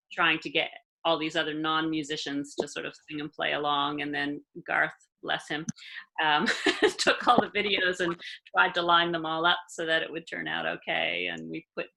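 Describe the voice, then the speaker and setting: A woman's voice: deep voice, gravelly, bright, forceful tone, low-quality recording. A woman with a Maritime Canadian accent, chatting casually as an interview guest. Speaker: interview guest, emergency doctor and musician.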